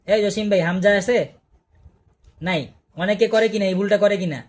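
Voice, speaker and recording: A man's voice: high voice, normal speed, a little mellow. Man, Quran recitation teacher, online class, patient, repeats sounds, asks the class questions, video call audio.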